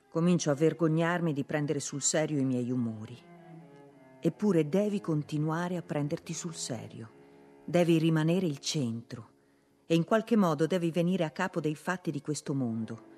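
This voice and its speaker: A woman reading aloud from a diary in a measured, reflective way. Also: deep voice, dark tone. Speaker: reader. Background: faint music.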